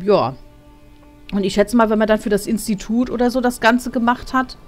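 Female let's player, mid-pitched, sardonic and casual, light game music underneath. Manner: sardonic, wry. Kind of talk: casual gameplay commentary.

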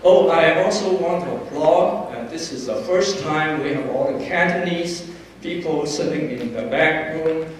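An older man, a pastor, making informal, halting announcements to a congregation in a large church hall. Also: on the high side. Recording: echoey reverberant hall from far off, faint noise.

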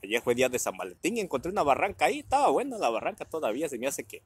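Husky, laughing Mexican man telling stories. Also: a little high, very animated, racing, dry recording. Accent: Mexican Spanish. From Guerrero, Mexico. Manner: laughing often, crude slang, acts out voices. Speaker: vlogger telling family anecdotes. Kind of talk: casual storytelling.

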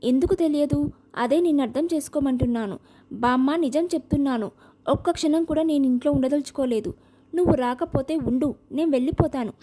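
This is a proud, restless young heroine in an audio novel, read out by a woman. She speaks in an insistent, pleading way. The voice sits high but sounds dark and mellow. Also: a little fast, close to an everyday voice.

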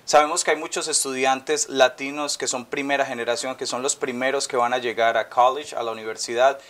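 Male TV host, 30s, upbeat and welcoming, mid-pitched voice, lapel mic. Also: steady tone, a little fast, a bit bright. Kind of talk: TV interview hosting. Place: office, indoors.

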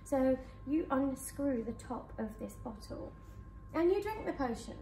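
A woman hypnotherapist leading a guided hypnosis session for a live audience in a conference room, speaking in slow soothing suggestions. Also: high-pitched, expressive, mellow, a little hiss or hum. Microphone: far camera. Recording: echoey room from far off.

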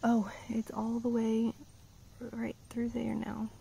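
A woman's voice: on the high side, completely flat delivery, slow, creaky, mellow, a little hiss or hum, low-quality recording. A woman giving a casual, rambling tour of her garden outdoors, filming on a handheld phone. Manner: chatty, rambling, with frequent ums. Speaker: gardening vlogger. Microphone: handheld phone camera.

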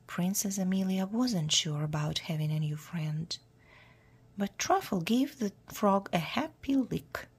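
A woman reading a children's storybook aloud in a hushed, half-whispered way. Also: medium pitch, animated, a little slow, breathy edge. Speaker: storyteller for English learners.

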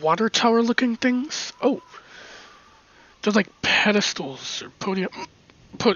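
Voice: medium pitch, bright, forceful tone. A gameplay commentator rambling casually while exploring, often muttering asides under the breath and giggling. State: hiccups. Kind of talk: casual let's-play commentary. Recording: slightly dull lo-fi recording.

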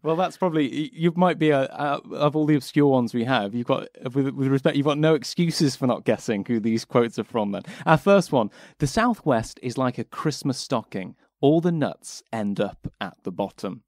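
A man's voice: medium pitch, expressive, normal speed, hardly any pauses, a little mellow, dry recording, studio quality. A man hosting a podcast, playfully running a quiz and reading quotes with theatrical emphasis. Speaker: podcast host and quizmaster. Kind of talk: casual podcast chat.

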